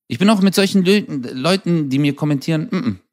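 A man's voice: fairly high pitch, fast talker, darkish tone, no echo, clean studio sound. A young man co-hosting a podcast, teasing his friend in casual comedic banter and acting out stories with sound effects. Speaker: podcast co-host.

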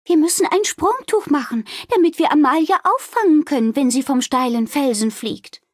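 A woman's voice: sits high, animated, moderate pace, no room sound, clean studio sound, pitched above the performer's own voice. A woman voicing a worried, motherly innkeeper who talks urgently and emphatically.

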